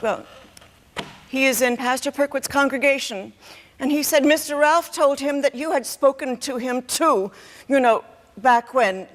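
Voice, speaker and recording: A woman's voice: sits high, measured pace, in a large hall. A woman playing a fretful, easily shocked mother who pleads and repeats herself in a stage play. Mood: pleading. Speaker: actor.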